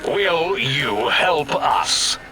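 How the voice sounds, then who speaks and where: Casting: imperious robotic brain scientist for a game, grandiose and bossy delivery, highish register, over prominent music. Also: male voice, expressive, very slow. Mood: commanding. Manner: pompous, declamatory, imperious. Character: pompous, domineering male robot-bodied brain scientist. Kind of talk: theatrical video game voice acting. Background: loud music.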